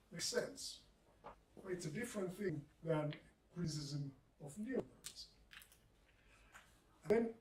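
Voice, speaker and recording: A man's voice: high voice, warm tone. Man objecting bluntly in an echoey hall. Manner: blunt, hesitant, restarts often. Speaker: panel discussant. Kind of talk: academic panel discussion. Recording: echoey room from far off, faint hiss.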